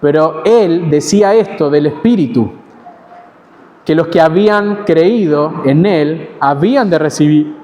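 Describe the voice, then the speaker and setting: A man with an Argentine accent preaching an expository sermon in a measured, teaching way, pausing and correcting himself now and then. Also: a little high, a little mellow. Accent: Argentine Spanish. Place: church hall. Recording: long church hall reverb.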